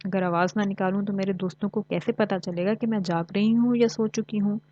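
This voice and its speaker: A woman's voice: medium pitch, steady tone, fairly quick, dark tone, no echo, dull audio, close to an everyday voice. A woman voicing a cunning, greedy female fox in a children's storybook, sly and wheedling. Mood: fretful.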